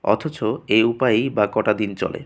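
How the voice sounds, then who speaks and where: A man narrating a classic short story for an audiobook in a steady, measured reading. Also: lowish voice.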